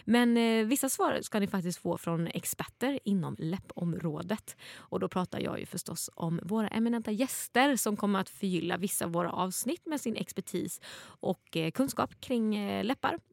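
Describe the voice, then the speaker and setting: A woman's voice: mid-range voice, expressive, creaky, no room sound. A middle-aged woman from Småland, co-hosting a podcast in a casual, informal and wordy chatting style. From Småland, Sweden. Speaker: podcast co-host.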